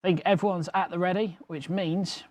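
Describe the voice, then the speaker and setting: A man's voice: high voice, fairly even intonation, a little fast, darkish tone, no echo. A man hosting a live game as a bingo caller, announcing numbers in repeated traditional patter.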